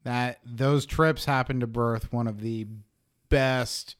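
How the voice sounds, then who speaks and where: A young man talks slowly on a podcast, telling a long story with a chuckle now and then. His voice is smooth and clean. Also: mid-range voice, steady tone. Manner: laughs while telling stories, restarts and fillers. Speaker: podcast guest. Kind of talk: casual conversation, storytelling.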